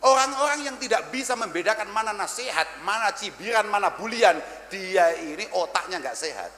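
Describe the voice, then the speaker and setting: A man's voice: high-pitched, lively intonation, brisk, bright, forceful tone. A man in his thirties with a Javanese accent, preaching a humorous sermon to a live crowd, blunt and teasing, mixing Arabic recitation with jokes. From Java, Indonesia. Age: 30s. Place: large event hall. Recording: echoey hall with long reverb, faint crowd ambience.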